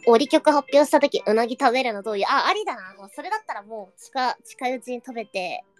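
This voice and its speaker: A woman live-streams a casual chat, reading viewers' comments aloud and reacting with quick, surprised asides. Her Japanese is standard, though bits of Kansai dialect slip in now and then. Her voice is fairly high and expressive, with faint music in the background.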